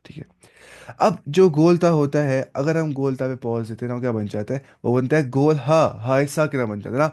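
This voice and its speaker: A man teaching a tajweed lesson who asks questions and answers them himself, chants Arabic words slowly, and mixes English words into his explanations. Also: mid-range voice, a little mellow. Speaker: Quran recitation teacher.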